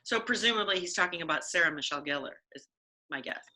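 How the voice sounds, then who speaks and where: A woman co-hosting a comedy podcast, reading fan fiction aloud with playful, animated delivery and chatting casually. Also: lowish voice, quick pace. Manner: animated, playful, acts out dialogue. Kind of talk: comic dramatic reading and casual chat.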